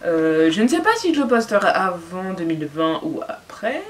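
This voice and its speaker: A young woman gushes over her latest buys in a casual haul vlog, her talk full of fillers and little exclamations. Her voice sits a touch low for a woman. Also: sing-song, moderate pace. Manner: enthusiastic, chatty, with frequent fillers. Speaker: fashion and beauty vlogger. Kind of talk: casual haul video chat.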